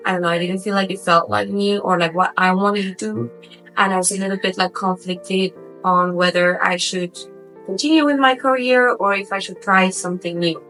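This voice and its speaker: A woman's voice: lowish voice, pushed and bright, rough recording. A woman in her twenties from Argentina, a native Spanish speaker with an Argentine accent, chatting casually in a personal vlog. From Buenos Aires, Argentina. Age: 20s. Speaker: vlogger.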